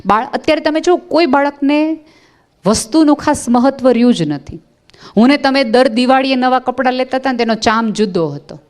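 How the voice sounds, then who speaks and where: A woman's voice: high voice, lively intonation, moderate pace, darkish tone. A woman from Gujarat giving a motivational speech on parenting, telling stories expressively and repeating phrases for emphasis. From Gujarat, India. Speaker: motivational speaker.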